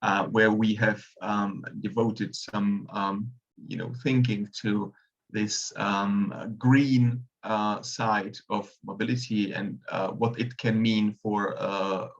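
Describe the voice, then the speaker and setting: A man's voice: lowish voice, level tone, measured pace, dull audio. A man from the Republic, speaking hesitantly with many fillers as a panelist in a webinar discussion. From Czech Republic.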